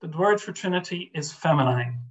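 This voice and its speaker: An older man from Ireland, appearing as a guest scholar via webcam from his home study, speaks in a high-pitched, animated voice at a slightly fast pace, with lo-fi sound. He's thoughtful and hesitant, frequently restarting and filling pauses.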